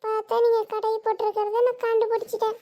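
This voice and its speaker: A woman voicing an excited little niece, chattering eagerly with a southern Tamil Nadu accent. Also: very high voice, fast talker, muffled recording.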